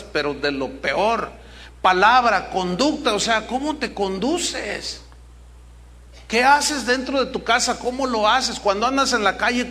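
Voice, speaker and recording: A man's voice: sits high, bright, forceful tone, slight background noise. A middle-aged man preaching a sermon as pastor, emphatic and full of rhetorical questions.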